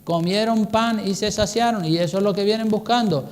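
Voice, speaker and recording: A pastor preaching an emphatic sermon, hammering his point by repeating phrases. His voice runs high for a man. Long reverb from a church hall trails every line. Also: a little fast. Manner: emphatic, repetitive, acts out quotes.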